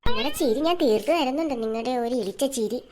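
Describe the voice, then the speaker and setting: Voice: medium pitch, expressive, quick pace, slight background noise, close to an everyday voice. A child voicing an irritable middle-aged mother who nags and scolds her family in a comedy skit. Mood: scolding. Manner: sharp, nagging, complaining tirades. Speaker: comedy sketch actor.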